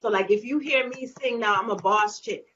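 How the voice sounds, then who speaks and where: In a casual interview, a female singer speaks at a normal pace with a light voice on the high side. Animated and laughing, she plays out quotes as little scenes. Faint noise runs under the lo-fi recording.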